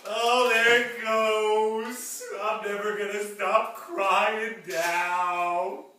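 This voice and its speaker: A man's voice: high voice, flat delivery, extremely slow, bright, forceful tone, heavily acted. A man on stage playing a tearful, self-pitying alien henchman in a rambling comic monologue, recorded from far off in a theatre. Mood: whining. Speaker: stage actor. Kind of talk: live stage comedy acting. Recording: echoey theatre from far off, noisy.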